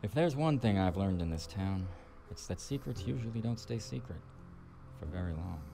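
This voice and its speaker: A gravel-toned noir detective. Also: male voice, low voice, animated, moderate pace, dark tone, faint music behind. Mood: dry. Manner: dry, wisecracking. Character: hard-boiled male noir detective, wry and world-weary. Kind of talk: 1940s noir voice-over narration.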